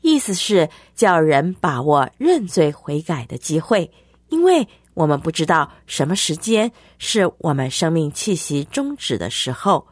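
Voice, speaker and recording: A woman reads a scripture verse and explains its meaning in a measured, explanatory way. Her voice sits fairly low and moves a lot in pitch. The recording is dry and close. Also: very animated, no echo. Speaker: scripture reader.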